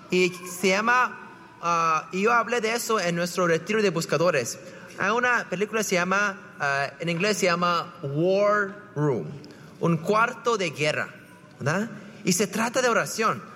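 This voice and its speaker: A man's voice: sits high, sharp tone, big-room sound, a little hiss or hum. A man, a priest, preaching a conversational homily full of rhetorical questions and repeated "¿verdad?".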